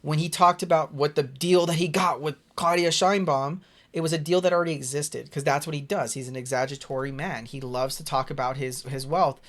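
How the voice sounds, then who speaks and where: A man's voice: on the high side, fairly even intonation, a little fast, fairly bright tone. Rambling, profane man commenting casually. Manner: profane, blunt, exasperated; rambling, stumbling over words. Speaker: streamer reading and commenting on news. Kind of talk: casual rambling live commentary, reading aloud.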